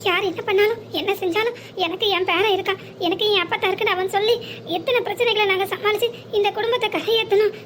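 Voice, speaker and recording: A woman's voice: extremely high pitch, steady tone, fast talker, a bit bright, slight background noise. A woman voicing an old grandmother in a cartoon, wailing and scolding in a reproachful way. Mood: lamenting. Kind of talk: cartoon voice acting.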